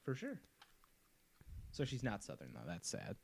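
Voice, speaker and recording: Young male podcast co-host from Ohio, Northeast Ohio accent, playful and quick to laugh, dry close-miked sound. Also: vocal fry, slightly rough, dry recording. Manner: joking, laughs often, lively pitch swings. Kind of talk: casual chat.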